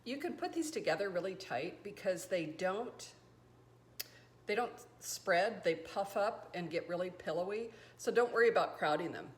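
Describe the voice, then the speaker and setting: An older woman with a somewhat low voice hosts a home cooking video, talking through a recipe in a chatty, enthusiastic way with the odd filler. She records in a home kitchen, and a faint hiss of background noise sits under her voice. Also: animated, brisk, few pauses. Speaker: cooking show host. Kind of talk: casual recipe demonstration.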